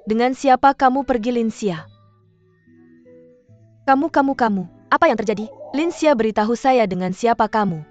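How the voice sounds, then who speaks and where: A woman's voice: on the high side, normal speed, long pauses, natural voice. Woman dubbing a pushy worried young friend. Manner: pressing, repeats questions. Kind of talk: drama dub. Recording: dull dry studio dub, faint music.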